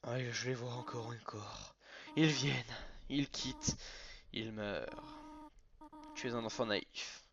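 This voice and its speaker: A man's voice: medium pitch, measured pace, a bit bright, voice pushed down. Toriel, a man reading a motherly goat guardian. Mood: grave, gentle. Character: gentle motherly goat woman guardian, protective. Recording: dull lo-fi recording, faint game music.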